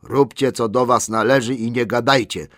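A man's voice: medium pitch, lively intonation, moderate pace, fairly bright tone, no room sound, clean studio sound, voice pushed up, close to an everyday voice. A man voicing a grumpy, drowsy old male elf butler in an audiobook, grumbling and scolding.

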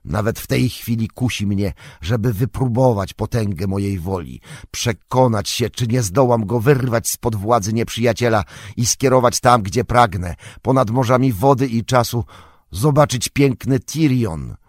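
A man voicing a wise, stern old male wizard in an audiobook, explaining at length in a measured, grave way. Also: medium pitch, no echo, clean studio sound, natural voice. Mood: musing. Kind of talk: audiobook character reading.

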